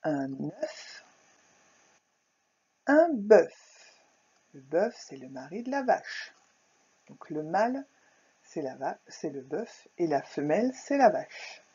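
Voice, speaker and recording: A woman teaching a recorded phonics lesson to young children, speaking slowly and clearly, sounding out words syllable by syllable. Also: on the low side, big pitch swings, mellow. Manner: slow, carefully articulated, syllable by syllable. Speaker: primary school teacher. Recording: dull lo-fi recording.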